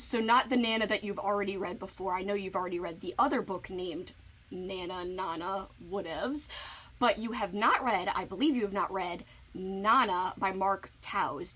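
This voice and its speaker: A woman's voice: mid-range voice, a bit bright, low-quality recording. A woman booktuber giving playful, giggly book recommendations in a casual recorded message.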